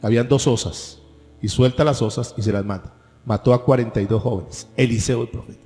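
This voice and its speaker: A man's voice: medium pitch, fairly even intonation, fairly quick, dark tone. A man preaching a sermon as pastor, asking the congregation rhetorical questions. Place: church hall. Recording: echoey church hall with faint music.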